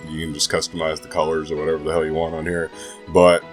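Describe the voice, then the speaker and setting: Deep-voiced young man, stuffy-nosed with a cold. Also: flat delivery, fast talker, faint music behind. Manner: laid-back, profane, hesitant rambling. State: sick with a cold. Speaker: gaming vlogger. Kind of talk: casual rambling vlog.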